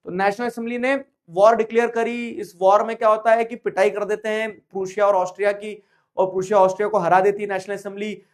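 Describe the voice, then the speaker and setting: A man teaching an online history class in a playful way, mixing Hindi with English terms and slowly repeating key phrases. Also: sits high, little pitch movement.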